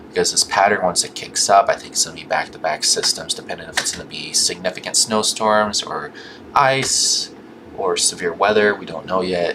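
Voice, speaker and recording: Over background noise, a man with a low voice gives an informal weather forecast commentary. A swollen mouth and gums hamper his speech, so he trips over words, stumbling on longer ones and restarting them.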